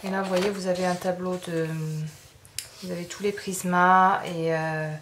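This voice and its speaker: A woman's voice: fairly low pitch, little pitch movement, moderate pace, fairly bright tone, slight background noise. Chatty French woman rambling through a haul. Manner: rambling, many "euh" fillers and restarts. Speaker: craft youtuber showing art supplies. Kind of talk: casual haul video chat.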